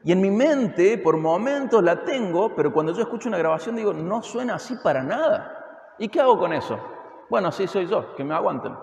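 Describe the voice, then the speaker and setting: A man's voice: high voice, expressive, fairly quick, creaky, a little mellow. A man preaching an expository sermon with an Argentine accent from Córdoba, pressing the congregation with emphatic rhetorical questions. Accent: Argentine Spanish (Córdoba). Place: church hall. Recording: echoey hall with long reverb.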